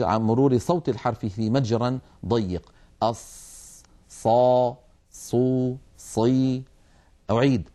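A man teaching Quran recitation in a measured explanatory lesson, pausing to demonstrate letter sounds slowly. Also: medium pitch, mellow.

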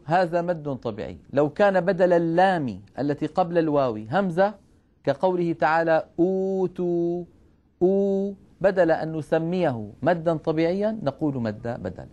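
A man explains recitation rules in a steady, measured teaching voice. His voice sits a little high for a man, and he slowly stretches out example sounds as he demonstrates them. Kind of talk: televised religious lesson.

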